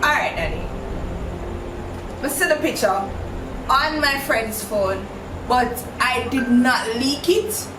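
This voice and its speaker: High-pitched Jamaican teenage daughter at wits end played by a woman. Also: expressive, takes it slowly, pauses often. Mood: pleading denial. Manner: at wits end, exasperated and emphatic. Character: defiant teenage daughter at wits end, pleading with her father. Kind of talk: dramatic acting in Jamaican Patois. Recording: roomy echo, music laid over dialogue.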